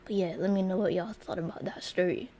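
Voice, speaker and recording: Young adult female streamer, casual story time, lower-pitched voice, loose and rambling delivery. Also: fairly even intonation, brisk, mellow, slight background noise. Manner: rambling, filler-heavy, many restarts.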